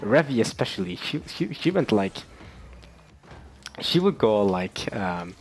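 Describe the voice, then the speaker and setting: A man's voice: fairly low pitch, sing-song, measured pace, slight background noise. A young man vlogging in a casual, rambling way, with many fillers and restarts, often breaking into laughter. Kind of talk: casual chat.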